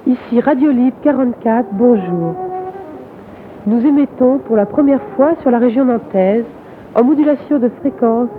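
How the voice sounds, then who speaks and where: A woman makes a formal station announcement on an old pirate radio broadcast, pitched high and raising her voice. The sound is thin and tinny like a crackly transmission. Music plays underneath her.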